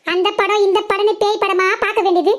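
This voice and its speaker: A woman voicing a sharp-tongued mother who nags and scolds her schoolgirl daughter. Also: extremely high pitch, little pitch movement. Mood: scolding. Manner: nagging, quick rebukes.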